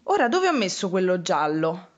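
A woman's voice: on the low side, sing-song, moderate pace, dull audio. A woman voicing a kindly male frog shopkeeper, friendly and helpful, in a children's storybook reading.

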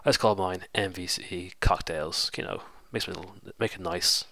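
A man's voice: low voice, steady tone, normal speed, vocal fry, sharp tone, dry recording. A man with a stuffy cold, casually walking through a coding tutorial step by step and correcting himself as he goes. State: congested with a cold. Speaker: programming tutorial host. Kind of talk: screen-recorded coding tutorial.

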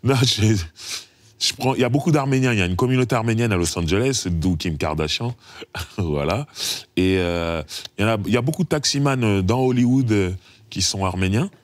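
Middle-aged male rapper from France, very deep voice, dry close mic, animated storyteller. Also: a little fast, no echo. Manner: lively storyteller, acts out dialogue, chuckles often. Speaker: rapper, interview guest. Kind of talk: casual interview anecdotes.

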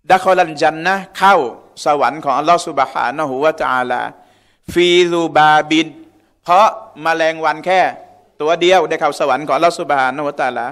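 A man's voice: fairly high pitch, a bit bright. A man giving a conversational religious lecture in a mosque, often asking the audience questions. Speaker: religious teacher.

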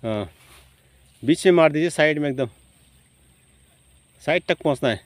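A man's voice: a little high, lively intonation, normal speed. A man giving short, instructive fishing tips outdoors by a pond. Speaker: fishing mentor. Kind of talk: casual advice.

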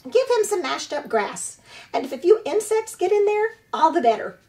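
A woman's voice: extremely high pitch, big pitch swings, darkish tone, voice pushed up, full character voice. A woman doing a squawking old mother goose. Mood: bossy. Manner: squawking, rapid and scolding. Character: old gray female goose, bossy and blunt.

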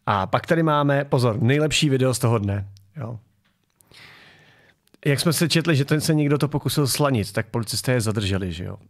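A man's voice: medium pitch, lively intonation. A man hosting a political commentary show from his garage, mocking video clips in a sarcastic tone.

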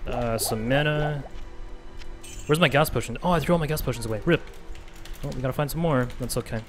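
A man streaming a game and talking it through live. He is chatty and excitable, and he repeats phrases in playful bursts. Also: medium pitch, a little fast. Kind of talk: live gameplay commentary. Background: game music.

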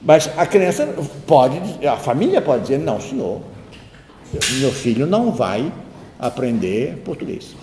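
This man's voice sits on the high side and sounds warm. He is giving a university lecture, thinking out loud in a rambling, digressive way and checking in with tag questions. The recording comes from a roomy hall with faint background noise.

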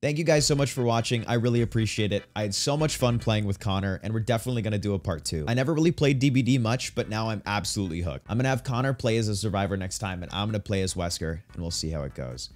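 Man signing off a video, lowish voice, quick delivery, upbeat, faint music behind. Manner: upbeat, thankful. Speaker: channel host. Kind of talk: outro to viewers.

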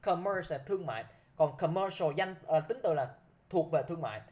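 A man's voice: a little high, lively intonation, brisk, a little mellow. A man teaching English vocabulary to a class, who keeps checking with his students by repeating a short prompt.

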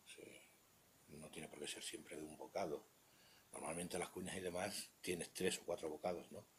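In an off-the-cuff walkthrough filmed on a handheld phone camera, a cheese expert with a Spanish accent and a very deep voice circles a buffet table indoors. He rambles haltingly and frequently fades into murmurs, while faint room noise lingers beneath his voice.

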